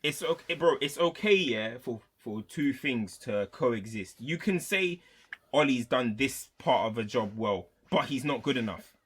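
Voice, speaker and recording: A man's voice: medium pitch, lively intonation, unhurried, fairly bright tone. A man with a London roadman accent and slang, speaking emphatically in a heated football fan debate. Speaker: football show panelist.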